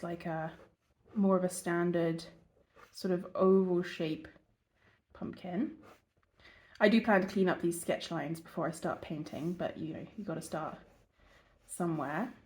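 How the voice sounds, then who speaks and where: A woman's voice: fairly low pitch, a little mellow. A woman with a stuffy, congested voice from a cold, hosting a casual drawing and painting tutorial in a chatty, rambling, self-mocking way. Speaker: art channel host.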